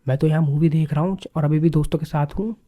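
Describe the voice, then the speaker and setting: Man playing breezy young friend, level mellow voice. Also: on the high side, steady tone, fast talker, pitched above the performer's own voice, natural voice. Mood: offhand. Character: relaxed young male student friend.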